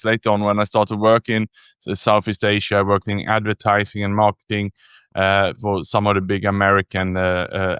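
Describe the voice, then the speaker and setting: A man from Sweden, a native Swedish speaker, talking in English as a podcast guest, telling his story reflectively with frequent pauses and restarts. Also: lowish voice, fairly bright tone, clean tone, no room sound, studio quality. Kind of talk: casual interview storytelling.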